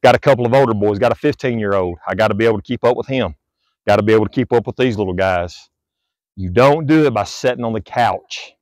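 A Southern US fitness vlogger in his 40s speaks fast in a lowish voice, with studio-quality audio and no room sound. Facing the camera outdoors on a driveway, he delivers a blunt, preachy and repetitive motivational talk.

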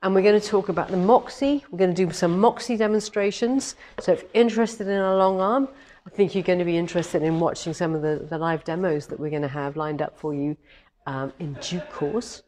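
Hosting a live demo from her big indoor quilting showroom among longarm machines, a shop owner with a head cold keeps up a cheerful, rambling chat full of ums. Her slightly hoarse voice is on the low side, brisk and dark-toned. A tripod camera a few metres away records her, with slight background noise.

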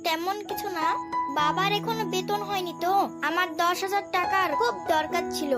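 A sugary, coaxing young girlfriend schemes sweetly, as a woman plays her. The voice is very high and childlike, and it stays honeyed throughout. Loud children's-style music plays behind the dubbed comedy skit. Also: steady tone, normal speed.

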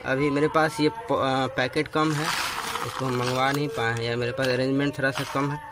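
A man's voice: mid-range voice, level tone, normal speed, background noise. A man hosting a gardening video, explaining step by step as he works outdoors and films on a handheld phone. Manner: explains step by step, repeats "dekhiye" and "theek hai". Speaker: gardening channel host. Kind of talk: casual how-to narration while working. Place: outdoor garden with potted plants. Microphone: handheld phone camera.

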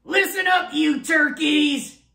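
A man's voice: very high-pitched, fairly even intonation, slow pace, gravelly, pushed and bright, voice pushed up, heavily acted. A man voicing a scowling, bossy drill sergeant puppet in a ventriloquist act, barking out commands. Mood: barking, scolding. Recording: roomy echo.

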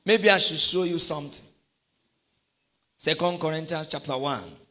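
A man's voice: on the high side, normal speed, bright, forceful tone. A middle-aged man preaching a sermon, quizzing his congregation with call-and-response questions. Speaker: pastor.

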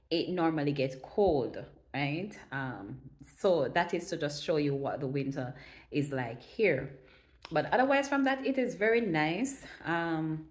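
A woman with a notably low, deep voice talks casually to her channel viewers. She pauses often with fillers as she gathers her thoughts, in an easy, chatty vlog manner. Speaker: vlogger. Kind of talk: casual chat to camera.

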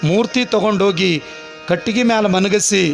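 A male preacher with a North Karnataka Kannada accent, telling a devotional story in an animated, dramatic way at a festival gathering. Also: high-pitched, moderate pace, gravelly, soft background music. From Kalaburagi region, Karnataka.

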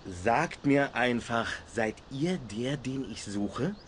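Ein Sprecher, der im Videospiel einen spöttischen, selbstsüchtigen Barden spielt. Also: male voice, mid-range voice, lively intonation, slow, a little hiss or hum. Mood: scornful. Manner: sarcastic, mocking. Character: sarcastic, greedy, self-centered male bard hero. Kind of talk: video game dialogue.

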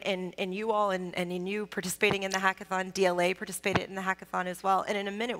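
Wry woman telling stories on a panel. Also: on the low side. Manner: animated storyteller, wry. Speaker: panelist, nonprofit chief executive. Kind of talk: conference panel discussion. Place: conference stage. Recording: reverberant conference hall.

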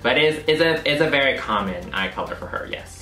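A young man co-hosting a casual doll review chat, speaking in a relaxed, frank way. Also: mid-range voice, fairly quick. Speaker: co-host of a doll collecting channel. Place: living room. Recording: roomy sound from a distance with faint music.

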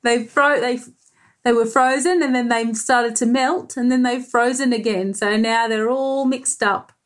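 Speaking at a measured pace with a voice that's a touch high, a thirty-something preschool teacher with an Australian accent reads to young children. She brings a storybook to life with expression and remarks of her own, all inside a small, bright room.

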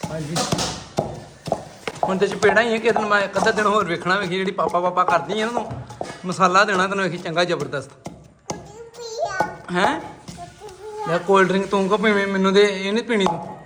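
A man's voice: high voice, brisk, pauses often, over music. A man vlogging casually at home, chatty, giving directions to family as he films. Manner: chatty, instructing family members. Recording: noisy home background.

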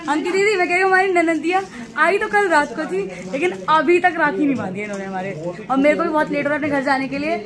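Young woman vlogger, high pitch, fast chatty delivery to phone camera, home setting. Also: crowd noise. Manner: chatty, talks straight to camera. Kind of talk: casual family vlog.

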